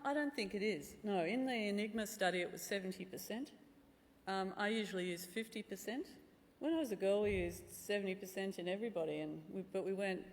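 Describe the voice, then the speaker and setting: A middle-aged woman, answering questions as a medical conference speaker in a candid, drily humorous way. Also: fairly low pitch. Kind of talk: answering audience questions after a medical talk. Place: large conference room. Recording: echoey hall with long reverb.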